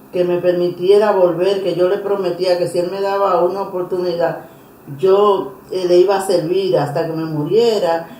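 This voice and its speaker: A woman telling her personal religious testimony in an interview, earnest and emotional, pausing and restarting often. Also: lowish voice, warm tone, slight background noise. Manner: earnest, emotional storytelling with many pauses and restarts. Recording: roomy echo.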